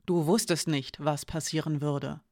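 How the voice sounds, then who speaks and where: A woman reading an audiobook, voicing a guarded young woman thief who speaks low and insistently. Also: steady tone, measured pace, dark tone, no echo, studio quality. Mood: earnest.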